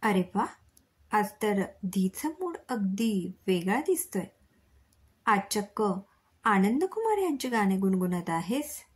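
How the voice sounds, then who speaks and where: A woman voicing an easygoing, joking young man, a playful brother, in a storybook reading, with a breathy voice. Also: mid-range voice, sing-song, slow pace.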